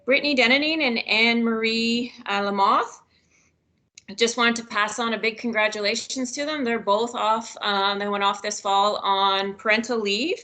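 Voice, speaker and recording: A woman's voice: fairly high pitch, steady tone, normal speed, pushed and bright. A woman giving upbeat staff announcements on a work video call from home. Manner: upbeat, giggly after a mishap. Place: home office.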